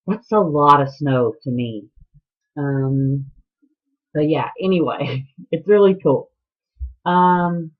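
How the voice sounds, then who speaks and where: Southern gal from georgia rambling on her podcast at home, slow and chatty, tinny phone-ish audio. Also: low-pitched, husky. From Atlanta, Georgia. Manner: chatty and rambling, laughs often. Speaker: podcast host. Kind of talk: casual video podcast chat.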